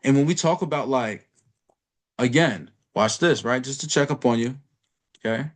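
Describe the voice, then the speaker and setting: A man's voice: medium pitch, normal speed. A man giving a casual trading lesson over a chart, blunt and profane, talking to the viewer in street slang. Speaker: trading educator.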